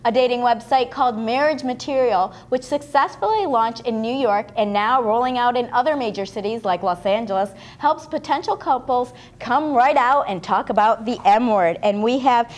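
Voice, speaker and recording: Casting: female morning-show host, high bright voice, bubbly. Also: normal speed, hardly any pauses. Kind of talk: morning news talk.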